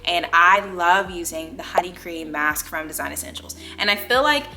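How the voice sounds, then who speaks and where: Over music, the young American host speaks at a normal speed in a fairly low voice. She's a natural hair care creator giving a laid-back tutorial, emphatic and chatty, addressing viewers like close girlfriends.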